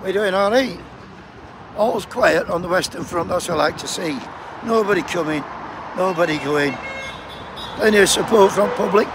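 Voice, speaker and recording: His voice sits high, and he talks at a moderate pace broken by long pauses. The speaker, a postal union member on strike in Sheffield, jokes around with passers-by on a chilly picket line in a Yorkshire accent, swearing liberally. It's a casual vlog chat, recorded outside by a busy road full of passing traffic.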